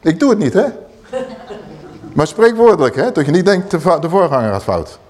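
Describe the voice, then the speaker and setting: A man preaching a sermon, animated, swinging between loud exclamations and low emphatic asides. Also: fairly quick.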